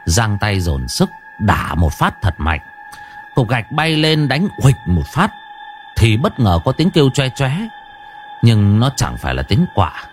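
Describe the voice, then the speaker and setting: A man's voice: lowish voice, huge pitch swings, unhurried, soft background music. A man narrating a ghost story in the first person, dramatic and vivid.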